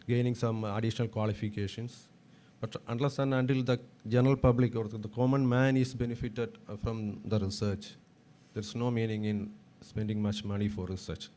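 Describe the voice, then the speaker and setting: A man with a Kerala Indian accent giving a formal, halting research talk, his throaty voice held back by a sore throat. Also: medium pitch, darkish tone, slight background noise. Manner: formal, halting with repeated words. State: sore throat, unable to speak loudly. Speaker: guest speaker, veterinarian. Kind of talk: prepared motivational research talk.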